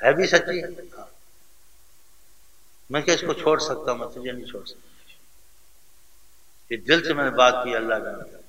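An older man speaks earnestly and rambles as he tells family stories as religious advice. His voice is bright and forceful. He was recorded from far off in a roomy hall with a long echo. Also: medium pitch, long pauses. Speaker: religious elder giving advice. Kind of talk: informal religious storytelling. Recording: distant mic in echoey hall.

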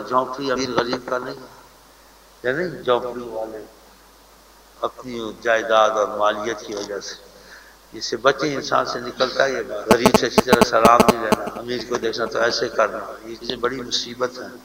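A man's voice: mid-range voice, little pitch movement, vocal fry. A man giving an informal religious talk, earnestly advising his listeners and repeating his points. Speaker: religious teacher. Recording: echoey room, distant mic, hiss.

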